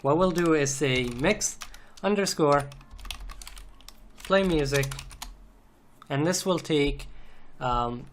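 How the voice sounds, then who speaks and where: Speaking slowly with frequent pauses, a man with a rather high voice gives an unscripted screencast tutorial on programming. He explains methodically, step by step, as he types, and keyboard clicks and typing noise fill the recording.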